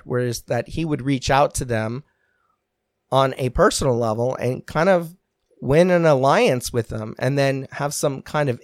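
Man, mid-pitched, earnest, reflective storytelling, hesitant restarts, dry room. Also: no echo. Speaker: podcast guest telling his story. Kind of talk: candid personal storytelling.

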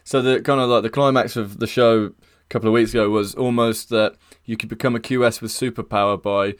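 A man's voice: medium pitch, fairly even intonation, brisk, dry recording, studio quality. A man hosting a podcast, asking long, rambling questions in a friendly, chatty way. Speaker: podcast host. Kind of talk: casual podcast interview.

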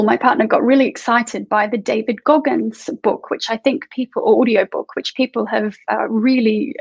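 A fairly high-voiced Australian woman chats casually as an interview host, laughing often. Her audio is muffled and lo-fi. The room has no echo at all. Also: creaky. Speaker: podcast host and author.

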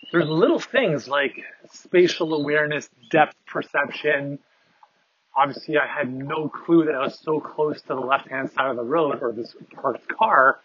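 A man's voice: on the high side, a bit bright, husky. Podcast host, man, casual and filler-heavy; tin-can earbud sound, dull and muffled. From Canada. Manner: rambling, filler-heavy, conversational. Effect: tinny, tin-can sound from earbud mic. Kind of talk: casual monologue while walking. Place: outdoors on a walk, windy. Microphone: phone with wireless earbuds. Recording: tinny muffled earbud mic, faint wind.

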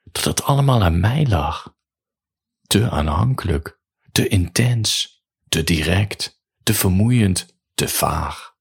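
A man reading a chapter of his own audiobook as a calm bedtime story, with pauses between phrases. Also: low voice, creaky, breathy edge.

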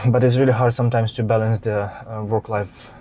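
A man hosting an interview series, reading a scripted intro and then asking relaxed questions with fillers. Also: on the low side, a little fast, a little hiss or hum. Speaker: interview host.

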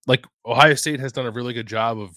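A man's voice: mid-range voice, fast, sharp tone, dry recording. A man co-hosting a sports podcast, easygoing and hedging with 'like' as he breaks down plays. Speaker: podcast co-host. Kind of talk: casual sports podcast analysis.

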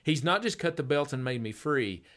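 An older man preaching in an easy conversational way, like a radio host telling a story. His voice sits in a middle pitch, and he stays earnest. He slows right down when he stresses a point. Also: expressive, fairly bright tone.

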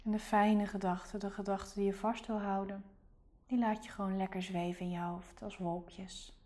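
A woman guiding a relaxation meditation in a soft, calm, soothing whisper. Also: mid-range voice, normal speed. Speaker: meditation guide.

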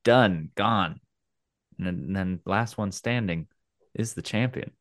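A man hosting a casual game, explaining the rules in a playful, theatrical way with dramatic pauses. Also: deep voice, fairly bright tone, no room sound, clean studio sound. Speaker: game show host.

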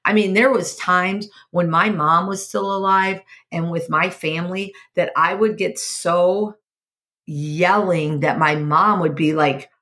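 A woman's voice: fairly low pitch, steady tone, slow, a bit bright. A middle-aged woman hosting a podcast, talking earnestly about her own life and giving advice, often repeating herself and restarting sentences. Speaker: podcast host. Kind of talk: personal advice monologue.

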